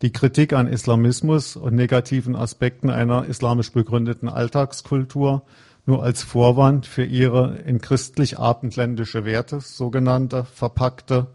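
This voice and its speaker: A man giving a conference lecture, reading a prepared script in a measured, formal way. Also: medium pitch, level tone, gravelly, mellow. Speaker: conference speaker.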